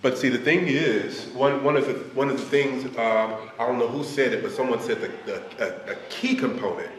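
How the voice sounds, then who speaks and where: A man's voice: medium pitch, moderate pace. A man with a stuffed-up nose leading a casual group class as pastor, thinking aloud with frequent restarts. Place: room with a group. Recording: echoey room, slight noise.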